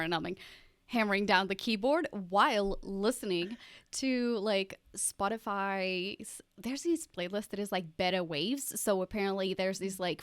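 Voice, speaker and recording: A woman's voice: medium pitch, no room sound. A woman from Portugal, talking as a guest in a casual interview, chatty and upbeat. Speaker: podcast guest.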